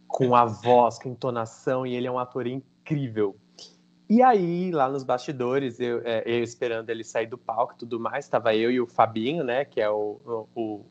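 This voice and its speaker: A man with a Brazilian Portuguese accent hosting a casual interview, telling a story with lively quotes of what others said. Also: medium pitch, muffled recording. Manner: animated storytelling, quoting others. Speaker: host.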